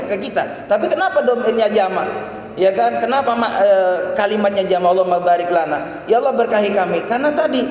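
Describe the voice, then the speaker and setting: A male preacher delivers a sermon in a high, bright-set voice. He moves between emphatic, raised exhortations and quiet murmured prayers. The sound rings in a large hall with long, booming reverb and faint background noise. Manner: colloquial and animated, swinging between high emphatic calls and low murmured prayers. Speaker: Islamic preacher.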